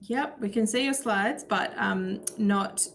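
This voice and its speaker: A woman running a webinar answers in short replies over a video call. She speaks slowly, and her voice has a gravelly, creaky texture. There is a faint hiss of background noise behind her. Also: medium pitch, a bit bright. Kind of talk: casual chat on a video call.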